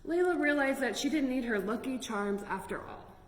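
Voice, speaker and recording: A woman with a fairly high, animated voice hosts a children's storytime at a moderate pace. She reads picture books aloud expressively and throws in chatty, exclaiming asides to her listeners. The room is echoey and reverberant, with noticeable noise.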